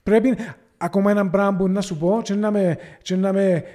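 A man's voice: sits high, little pitch movement, dark tone. A man with a Cypriot Greek accent, speaking as a podcast guest in an earnest, impassioned way. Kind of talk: casual podcast conversation.

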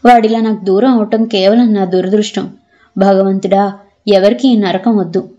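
A woman's voice: medium pitch, fairly even intonation, normal speed, warm tone, dull audio, soft background music, natural voice. A woman narrator voicing a grieving elderly father with a trembling, tearful voice. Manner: sorrowful and weary.

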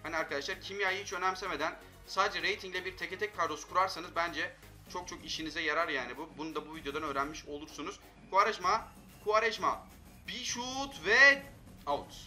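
A young man with a bright, high voice calls his own mobile football match with lively, excitable energy, often venting his frustration at his players. Faint game music plays underneath. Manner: excitable, frustrated outbursts at teammates. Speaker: gaming channel host.

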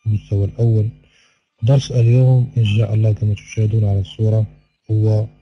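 A man giving a recorded online language lesson, repeating each word slowly and stretching its vowels. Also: on the low side, breathy edge, dull audio. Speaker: Spanish teacher.

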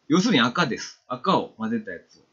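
A man's voice: medium pitch, a bit bright, slightly rough, muffled recording. A man with a Kansai accent giving a casual, chatty watercolor painting demo on a live stream, reading viewer comments aloud.

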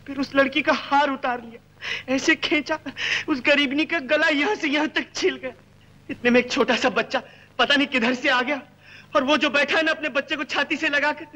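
A simple, kind-hearted young man speaks earnestly and with feeling. His voice sits very high and rings bright, a 1960s film drama performance. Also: low-quality recording.

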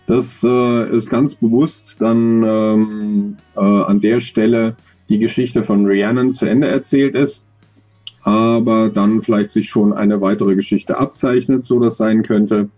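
An interview guest who writes audio drama, this middle-aged man answers reflectively and hesitantly, frequently groping for words. His fairly low voice moves slowly with fairly even intonation; the video call audio, captured near the webcam, is dull, with faint music behind.

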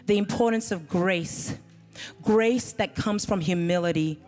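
In an unhurried, somewhat mellow mid-range voice, a middle-aged woman pastor preaches with earnest emphasis. Holding a handheld mic on a large church stage with the band behind her, she's captured in a reverberant hall alongside music.

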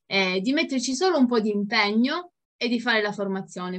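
A woman's voice: mid-range voice, fairly bright tone. A woman with a Sicilian accent giving an informal, enthusiastic testimonial on a group video call, often giggly. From Sicily, Italy. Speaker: network marketing team member. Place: indoors at home, video call.

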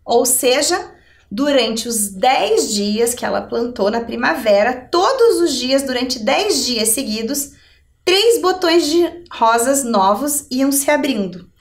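A Brazilian middle-aged woman teaches a televised adult education maths lesson step by step, her high voice very animated yet slow. Didactic in manner, she keeps checking in with rhetorical questions. She's somewhat off the distant mic in an indoor TV studio, with roomy echo.

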